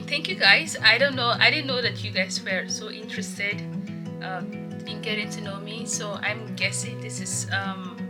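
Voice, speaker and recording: Nigerian woman, 30s, mid-pitched, soft-spoken, casual vlog chat over loud guitar music. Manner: rambling, chatty, with fillers and laughs; talks softly so as not to wake someone. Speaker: vlogger. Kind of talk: casual get-to-know-me chat. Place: home, doing makeup on camera. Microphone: camera mic.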